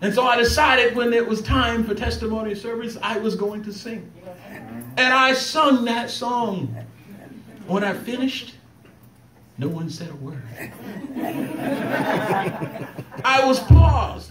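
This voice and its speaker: High-voiced man preaching in an echoey church. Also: expressive, takes it slowly, pauses often, a bit bright, slight background noise. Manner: emotional, fervent, laughs while telling stories. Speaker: preacher giving a trial sermon. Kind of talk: testimony sermon. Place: church sanctuary. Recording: echoey church recorded from a distance. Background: congregation calling back responses.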